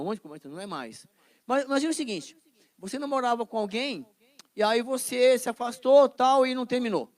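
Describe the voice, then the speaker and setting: A man teaching a casual Bible lesson in a lively way and acting out little dialogues. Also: high voice, no echo.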